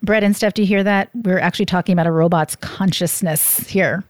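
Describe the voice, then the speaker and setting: A woman hosting an interview, asking clear, composed questions. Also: lowish voice, steady tone, fairly quick. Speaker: interview host. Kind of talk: interviewing a guest.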